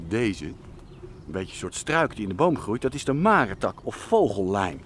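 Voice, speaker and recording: A man's voice: mid-range voice, slight background noise. A man presenting as a nature expert outdoors in hilly woodland, explaining plants and birds to the viewer with enthusiasm.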